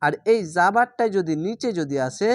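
A woman teaching Quran reading from Bangladesh, spelling each syllable slowly, then blending it into the whole word. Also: medium pitch, expressive, no room sound, studio quality. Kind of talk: slow spelled-out recitation lesson.

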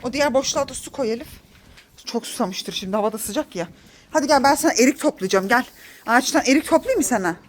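A woman's voice: a little high, lively intonation, quick pace, a little hiss or hum. A woman filming a family vlog outdoors in a garden, coaxing and scolding her children and laughing often.

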